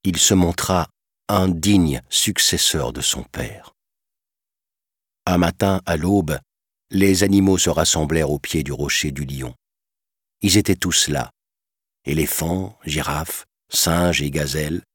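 A man reading a storybook aloud in a calm, measured narration. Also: a bass voice, husky, dry recording, studio quality.

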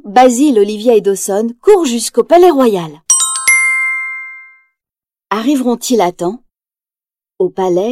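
A woman narrating a children's storybook aloud, lively and expressive. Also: fairly high pitch, dry recording, clean studio sound. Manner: lively, acts out quotes in raised voice.

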